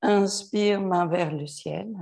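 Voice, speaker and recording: Slow, calm woman yoga teacher. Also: fairly low pitch, creaky. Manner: slow, calm cueing with soft counted breaths. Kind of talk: guided yoga class instruction.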